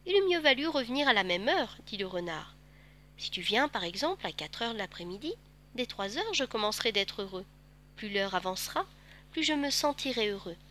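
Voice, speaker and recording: A woman voicing a gentle, wistful male fox who speaks patiently and tenderly in a storybook reading. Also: on the high side, sing-song, brisk, a little hiss or hum.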